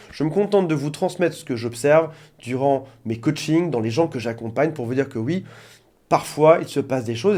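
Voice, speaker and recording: A man's voice: a little high, darkish tone. A man working as a relationship coach, explaining things directly to his viewers in an informal talk, with joking asides. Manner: jokey asides.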